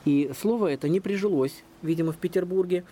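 A man's voice: high-pitched, quick pace, a little hiss or hum. A man speaking as a local historian guest on a radio interview, explaining at length in a chatty, discursive way. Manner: chatty, discursive, lively storytelling.

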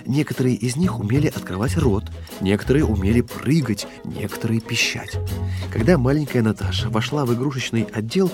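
A man reading a children's story aloud in an expressive, lilting way. His mid-pitched voice rises and falls widely through each sentence. Faint music plays underneath. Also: fairly quick. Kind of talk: storybook narration.

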